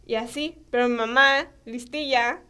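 A woman's voice: a little high, unhurried, clear, resonant tone. A young woman with a Mexican Spanish accent, a podcast guest telling stories in casual chat, acting out voices with lots of fillers. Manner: animated storytelling, acting out dialogue, frequent fillers.

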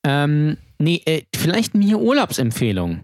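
A man co-hosting a podcast in casual chat, talking in a chatty, halting way. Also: on the high side, huge pitch swings, no echo, studio quality. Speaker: podcast co-host.

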